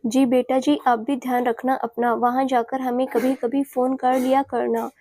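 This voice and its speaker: A woman voicing a gentle, fond father-in-law saying goodbye in an audio story. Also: high-pitched, flat delivery, normal speed, dry recording.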